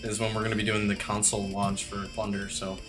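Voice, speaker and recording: A man's voice: fairly low pitch, completely flat delivery, quick pace, music in the background. A man hosting a game launch livestream, talking casually over voice chat with many fillers. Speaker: game studio host.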